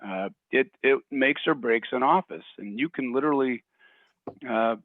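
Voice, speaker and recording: A man who hosts the discussion and runs a marketing firm makes his point in a measured way, pausing and restarting as he goes. His voice sits at an ordinary pitch. It comes through a thin, phone-like line with no room sound. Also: no echo. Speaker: show host and marketing firm owner. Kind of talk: casual discussion. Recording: tinny, dry phone-like line.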